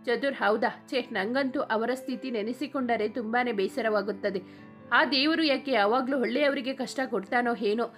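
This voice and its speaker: A woman's voice: a little high, fairly quick, fairly bright tone, soft background music, natural voice. A woman reading the lines of a teasing, charming young man in love in a story. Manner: teasing, joking.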